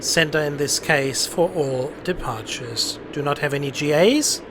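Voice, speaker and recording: A man with a fairly high-pitched voice hosts a live game stream. He talks casually as commentator and air traffic controller. Faint noise sits behind his voice. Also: a little slow.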